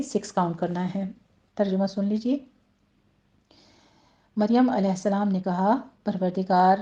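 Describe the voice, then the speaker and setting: A woman recitation teacher talks through pronunciation rules step by step, pausing to model words slowly and clearly. Her voice is mellow and warm, and the recording is slightly dull and lo-fi. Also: mid-range voice. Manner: patient, instructive, slows right down to model each word. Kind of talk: tajweed lesson with slow recitation.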